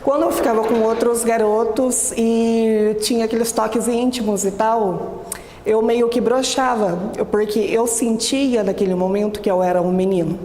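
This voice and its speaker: A woman in her twenties with a Brazilian accent, calmly telling her personal story. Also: fairly high pitch, normal speed, slight background noise. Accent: Brazilian Portuguese. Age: 20s. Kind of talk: personal testimony. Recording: echoey room with long reverb.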